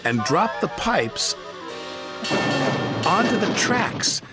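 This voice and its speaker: Guy reading a kids' story, lively up-and-down voice, music behind. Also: sits high, very slow. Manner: expressive read-aloud. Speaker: narrator. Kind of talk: storybook narration.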